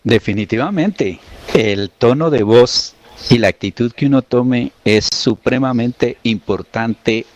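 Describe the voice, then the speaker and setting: Male pastor, deeper voice, earnest teaching tone over a call-in link. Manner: earnest, explanatory preaching tone. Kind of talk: radio call-in discussion.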